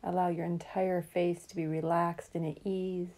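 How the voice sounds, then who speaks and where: A meditation guide, a woman, leads a guided relaxation in a low, very soft-edged, mellow voice. She is calm and soothing with a very even, level melody, taking her time and leaving long pauses between phrases.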